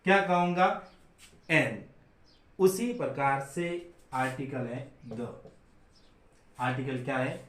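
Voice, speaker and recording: A man's voice: mid-range voice, takes it slowly, long pauses, reverberant. A man from India teaching a grammar lesson, asking his own questions and answering them.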